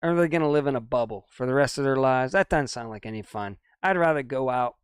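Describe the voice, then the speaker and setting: A man's voice: mid-range voice, animated, fast, clear, resonant tone, no echo, studio quality. An older man co-hosting a casual couch chat, rambling and grumbling his opinions. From United States. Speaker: co-host.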